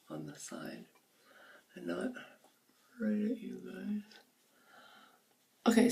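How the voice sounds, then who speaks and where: Recorded a little far from the mic in her home bathroom, a beauty vlogger rambles casually through a makeup review. Her mid-range voice is gravelly and mellow, groggy and sore-throated, occasionally sinking to near-whispers.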